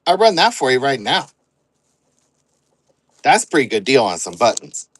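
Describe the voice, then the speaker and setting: A man's voice: mid-range voice, sing-song, normal speed, fairly bright tone, no echo, low-quality recording. Chatty man hosting a live sale. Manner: rambling, joking, counts items aloud. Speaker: online live-sale host. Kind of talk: casual live-selling chatter.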